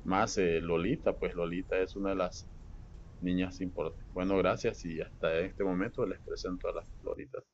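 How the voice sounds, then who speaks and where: A man with a Honduran accent introducing his pet parrots to viewers in a casual, chatty home video, often pausing on filler words. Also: deep voice. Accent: Honduran Spanish. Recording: muffled with steady background noise. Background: parrots chattering in the background.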